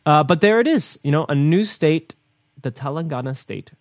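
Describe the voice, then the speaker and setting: A man's voice: on the high side, expressive, normal speed, no echo, studio quality. Rambling man chatting about the news. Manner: rambling, repeats words, laughs between points. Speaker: co-host of a news talk program. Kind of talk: casual news discussion.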